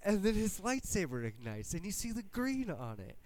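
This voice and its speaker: A young man co-hosting a podcast, talking excitedly and casually, swearing and acting out quotes as he recounts a scene. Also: high-pitched, normal speed. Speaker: podcast co-host. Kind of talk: excited casual fan chat.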